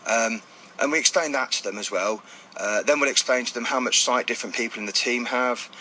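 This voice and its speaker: A man talks casually as an interview guest. His voice is medium-pitched and forward, with a bright edge. He explains things informally, over faint ambience. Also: a little fast, a little hiss or hum, low-quality recording. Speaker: interview guest, blind cricket player.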